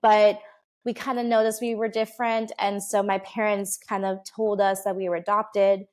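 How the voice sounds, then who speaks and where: A woman in her twenties from Oregon, raised in the United States, chats casually as an interview guest. Her mid-range voice stays fairly flat in pitch and moves at a moderate pace, and she comes across as bubbly, laughing often and using plenty of fillers.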